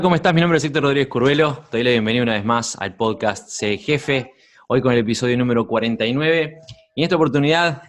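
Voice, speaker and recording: Friendly Rioplatense-accented man hosting. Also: medium pitch. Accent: Rioplatense Spanish. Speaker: podcast host. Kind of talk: podcast interview.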